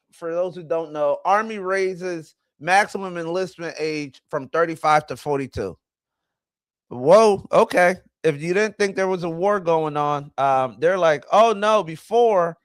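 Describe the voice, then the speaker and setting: A man's voice: sits high, no room sound. A man in his forties hosting a live stream, chatting casually and rambling with self-corrections as he greets viewers. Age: 40s. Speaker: livestream host. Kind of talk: casual livestream chat.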